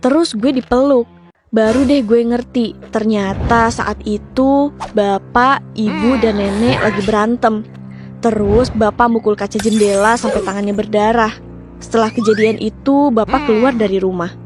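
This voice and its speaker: A woman's voice: fairly high pitch, normal speed, over music. A young adult woman from Indonesia with speech, telling a personal story casually in the first person.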